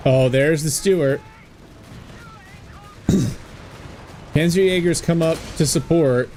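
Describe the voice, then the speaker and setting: A man casting a strategy game in a relaxed, chatty way, laughing often and slipping into jokey voices. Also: fairly high pitch, slow pace, slight background noise. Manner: laughs often, drops into a mock German voice. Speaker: game caster. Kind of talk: casual game commentary.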